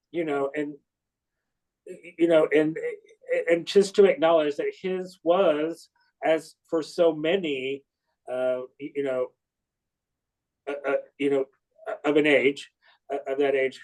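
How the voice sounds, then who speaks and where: A man in his sixties interviewing, who speaks haltingly with many fillers and restarts. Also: medium pitch, darkish tone, rough recording. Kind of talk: conversational interview.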